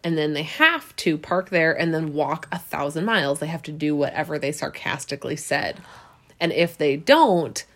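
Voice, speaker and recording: A young woman co-hosting a casual chat, explaining games with quick asides and frequent laughter. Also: sits low. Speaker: co-host.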